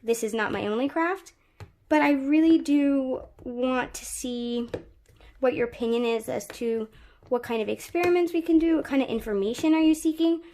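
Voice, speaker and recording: A woman with a slightly high voice talks through a craft tutorial while her hands stay busy. She chats loosely, thinking aloud, with plenty of fillers and restarts. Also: moderate pace, dark tone, slight background noise. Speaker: craft channel host. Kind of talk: casual craft tutorial talk.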